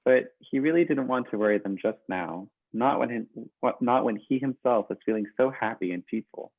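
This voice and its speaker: A man narrating a storybook in a steady, even read-aloud. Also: medium pitch, normal speed, dry recording, narrow, tinny audio.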